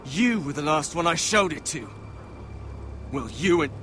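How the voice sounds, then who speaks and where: A man's voice: on the high side, expressive, measured pace, sharp tone, slight background noise. A man playing a hot-tempered, foul-mouthed bully of a recruit in a video game, taunting and aggressive. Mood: furious accusing.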